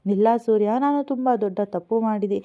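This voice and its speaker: A woman's voice: medium pitch, a little fast, natural voice. A woman voicing a tearful, remorseful young wife. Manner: pleading, sobbing apologies. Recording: tinny phone-like sound.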